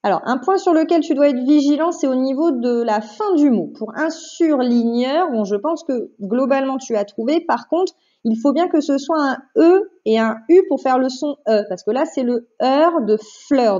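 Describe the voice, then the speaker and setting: Woman, primary teacher, patient and clear, dull lo-fi recording. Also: high voice, lively intonation, normal speed, dark tone. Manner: patient, clear, repeats and stresses syllables for dictation. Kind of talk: remote phonics lesson to a child.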